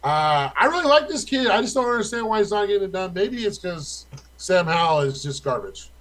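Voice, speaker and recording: A man's voice: sits high, expressive, a little fast, a bit bright, poor audio. A young man co-hosting a casual fantasy football chat, rattling off stats in a loose, profane way.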